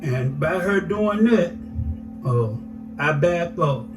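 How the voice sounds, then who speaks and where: A man's voice: on the high side, animated, takes it slowly, music in the background, low-quality recording. An older man telling his life story in a casual interview, rambling with many "you know"s and acting out the dialogue he recalls.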